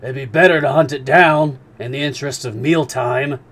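A man reading aloud as an eager, blunt Canadian harpooner, speaking with rising excitement. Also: mid-range voice, moderate pace, voice pushed up, natural voice.

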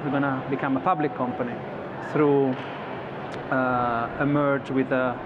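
A man in his thirties talks as a guest on a convention-floor studio set. He explains at an easy middle pitch, often restarting his words. The audio is slightly muffled, with clear crowd noise around him. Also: little pitch movement, measured pace. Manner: thoughtful, many restarts and fillers. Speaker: company executive guest. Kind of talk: trade show interview.

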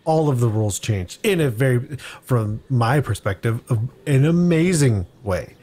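A man with a mellow, mid-range voice speaks at a moderate pace and with expression. He's a guest player on a tabletop podcast, improvising his character's story in a reflective, step-by-step manner.

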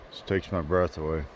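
An older man with a bass voice vlogs outdoors at a mountain campsite near a creek, shooting on a phone camera held at arm's length. He's chatty and folksy, full of rambling asides in casual narration. The creek's running water is faintly audible behind him.

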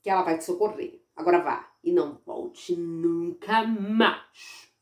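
A woman's voice: on the low side, natural voice. A woman voicing the stern North Wind. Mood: scolding. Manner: brisk, scolding, commanding. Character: stern impatient North Wind spirit, giving gifts. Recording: roomy echo.

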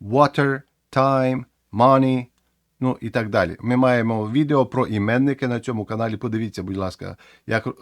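A man in his own voice teaching English grammar, walking learners through the rules step by step. His pitch sits in the middle range, and the recording is dry and close, with little room sound. He repeats example words aloud to show how they sound. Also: dry recording. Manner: explanatory, repeats words to demonstrate.

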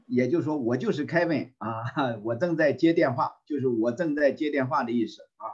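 Husky man teaching English online. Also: mid-range voice, a little fast, a little mellow, highs cut off. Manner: patient, repeats phrases, many fillers and throat clearing. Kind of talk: online English class, reading and explaining.

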